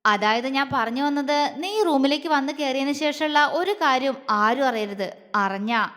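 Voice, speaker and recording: Woman reading a cocky young guy in a storybook, sneering and taunting, high voice, long reverb. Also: normal speed, fairly bright tone. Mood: mocking. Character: arrogant, mocking young man.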